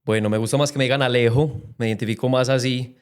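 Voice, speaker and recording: A man's voice: mid-range voice, fairly even intonation, fast, clean tone. Earnest Colombian man telling his story. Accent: Colombian, from Medellín. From Medellín, Colombia. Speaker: podcast guest, AI consultant. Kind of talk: casual interview chat.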